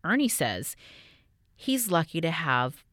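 Woman reporter reading a news piece, low voice that rises and falls a lot, dry close sound. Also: sing-song, a bit bright, dry recording. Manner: measured, clearly read voice-over. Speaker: radio reporter. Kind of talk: scripted news narration.

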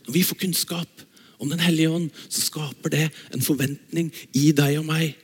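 A man preaching a sermon and reading from the Bible, enthusiastic, switching between slow reading and quick asides. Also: a little high, steady tone, husky. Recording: long reverb of a large hall.

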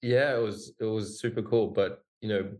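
A man's voice: fairly low pitch, fairly even intonation, moderate pace, darkish tone. A man in his forties, an Australian-born company founder, speaking as a podcast guest in a rambling, casual way with self-deprecating humor. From Australia, raised in Singapore and Hong Kong. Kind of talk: casual conversational interview.

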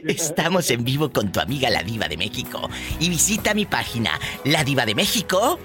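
A man's voice: mid-range voice, sing-song, brisk, music in the background. A man with a Mexican accent hosting a live call-in radio show, teasing callers in a flamboyant, theatrical way.

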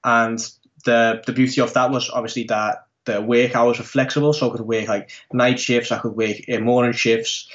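A man's voice: medium pitch, level tone, normal speed, a bit bright, lo-fi sound. A man in his twenties with an English accent, talking as a podcast guest in a casual, rambling way with many fillers and restarts. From Netherlands. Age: 20s. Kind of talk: casual interview talk.

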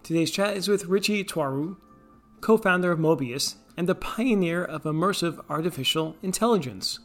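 A man hosts an interview with a slightly high-pitched voice. He asks friendly questions and often stumbles on the first words of a phrase before carrying on. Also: moderate pace, a bit bright, faint music behind. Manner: friendly, with repeated word starts. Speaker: interview host. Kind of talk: hosted interview chat.

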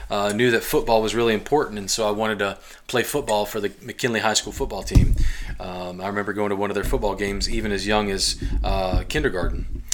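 A man's voice: on the low side, sharp tone, slight background noise. A man in his forties hosting a podcast, telling his own story in a rambling monologue full of restarts. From Ohio and Kentucky, US. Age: 40s. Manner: rambling, many restarts and fillers, chuckles often. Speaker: podcast host. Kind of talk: casual personal monologue.

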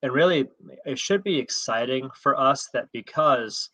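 A man's voice: mid-range voice, a little slow, pushed and bright, no echo, low-quality recording. A man co-hosting a casual podcast, talking in a thoughtful, reflective way.

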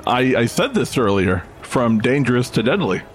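A man's voice: medium pitch, sing-song, normal speed, slight background noise. A man chatting casually as a player in a tabletop game.

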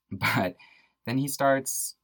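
Young woman, podcast co-host, chatty, giggly, extremely low voice. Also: drawn-out words, gravelly, a bit bright. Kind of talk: casual recap chat.

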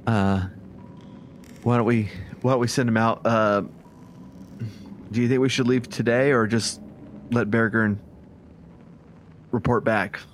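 A man playing a tabletop game in casual chat, halting and stammering as he restarts his sentences. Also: mid-range voice, fairly even intonation, slight background noise. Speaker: player.

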